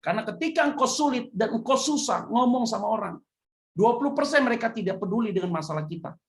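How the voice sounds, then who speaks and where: A woman pastor, preaching a sermon that swings from hushed to loud emphasis. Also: fairly high pitch, expressive, fast talker.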